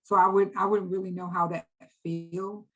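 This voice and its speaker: A woman's voice: on the low side, level tone, moderate pace, fairly bright tone, dull audio, faint music behind. A middle-aged woman from the United States chatting as an interview guest, enthusiastic and talkative, repeating words when she gets going. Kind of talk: casual interview chat.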